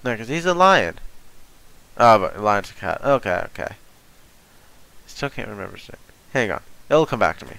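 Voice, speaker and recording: A man's voice: on the low side, very animated, normal speed, creaky, long pauses, pushed and bright, no room sound, low-quality recording. A young man with a stuffy nose from being sick, rambling and thinking aloud as he reacts to a comic chapter. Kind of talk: casual live reaction.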